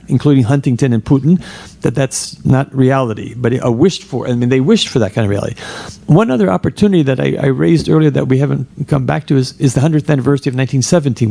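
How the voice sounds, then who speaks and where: A man's voice: medium pitch, vocal fry, mellow. A man speaking as a scholar on a panel discussion, emphatic and argumentative, often restarting his sentences.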